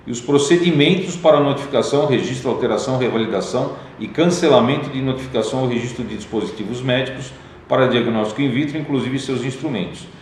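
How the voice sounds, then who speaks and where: Brazilian executive, measured step-by-step explanation, mid-pitched male voice, very reverberant room. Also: darkish tone, a little hiss or hum. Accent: Brazilian Portuguese. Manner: methodical, explains legal text step by step with fillers. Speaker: company CEO explaining regulations. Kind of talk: explanatory talk. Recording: very echoey room.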